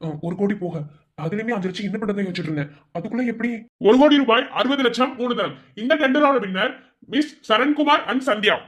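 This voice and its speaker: A man's voice: high-pitched, fast, fairly bright tone. A man voicing a formal official who runs a tender auction in a cartoon, announcing the bids. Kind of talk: cartoon voice acting.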